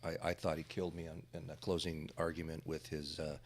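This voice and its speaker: Defense lawyer guest, man, very low pitch, halting with lots of fillers. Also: flat delivery. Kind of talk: panel podcast discussion.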